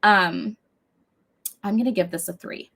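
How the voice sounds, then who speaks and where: A woman's voice: mid-range voice, a little slow, creaky, a bit bright. A woman co-hosting a podcast, talking in a chatty, jokey way. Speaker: podcast co-host. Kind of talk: casual chat.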